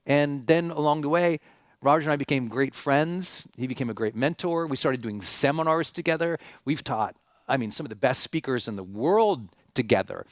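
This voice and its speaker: Speaking at medium pitch and a moderate pace, a man hosts a seminar in a studio-quality recording free of room sound. His motivational stage talk mixes emphatic storytelling, repeated phrases, and rhetorical questions as he introduces a guest.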